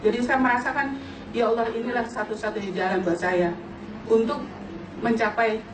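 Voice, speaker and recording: A woman in her late forties giving an animated personal testimony to an audience, laughing often and turning to address the listeners directly. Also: a little high, moderate pace, noisy background. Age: late 40s. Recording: echoey hall, distant mic, audience around.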